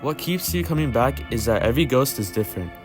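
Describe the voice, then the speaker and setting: A man's voice: medium pitch, lively intonation, fast. Man narrating a game review over music. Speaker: video game reviewer and host.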